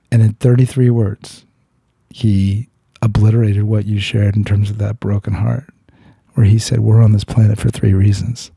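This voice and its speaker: Heard on a dry, clean studio recording, a man with a low-leaning voice, gravelly, mellow and slightly breathy, opens up to his podcast guest about something personal. He's earnest but keeps searching for words, restarts a lot, and swears bluntly as he tells the story.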